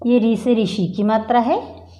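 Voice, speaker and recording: Teaching a primary class at the board, a middle-aged woman moves a little slowly, patiently repeating words and asking the pupils questions. Her voice is on the high side with a dark tone and fairly even intonation.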